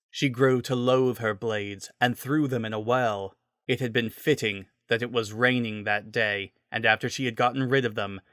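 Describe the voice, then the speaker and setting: A man's voice: mid-range voice, fairly bright tone, dry recording, studio quality. A man reading a scripted story as its narrator, in a dramatic style.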